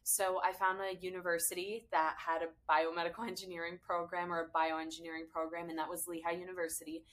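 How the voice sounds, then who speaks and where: A woman's voice: lowish voice, little pitch movement, brisk, hardly any pauses, a bit bright. A young American woman, a podcast guest, telling her story in an earnest, conversational way. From United States. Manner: earnest, conversational, some fillers. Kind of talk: casual interview storytelling.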